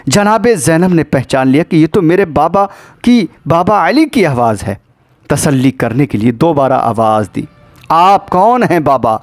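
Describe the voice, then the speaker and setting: A man's voice: fairly high pitch, lively intonation, no echo. Mournful male preacher telling a martyrdom story. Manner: dramatic, mournful storytelling with pious exclamations. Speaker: religious orator. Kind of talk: emotional sermon narration of a martyrdom account.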